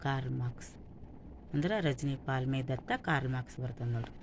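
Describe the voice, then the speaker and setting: Speaking fairly quickly in a rumbling low voice, a woman with a North Karnataka accent reads exam questions and answers like a teacher, going item by item. Background noise is audible.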